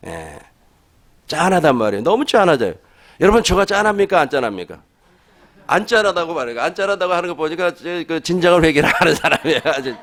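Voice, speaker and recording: Animated preaching man with lively pitch. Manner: animated, asks the congregation questions; chuckles while preaching. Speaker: pastor. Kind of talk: sermon.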